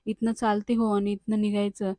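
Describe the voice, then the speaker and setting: A woman's voice: mid-range voice, monotone, moderate pace, dark tone, no room sound, natural voice. A woman reading the lines of a firm, protective young wife who gives stern orders. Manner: stern, commanding.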